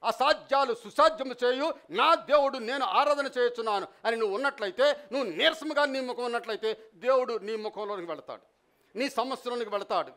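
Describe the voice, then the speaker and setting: A man's voice: extremely high pitch, brisk, pushed and bright. A male pastor preaching an emphatic sermon, repeating phrases and leading the congregation in responses, with some lines in English spoken.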